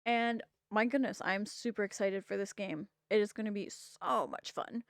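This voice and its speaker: A woman's voice: medium pitch, steady tone, moderate pace, clear, resonant tone, no room sound, clean studio sound. A woman game streamer wrapping up her stream, bubbly, enthusiastic and rambling at a desk mic. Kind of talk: casual stream wrap-up chat.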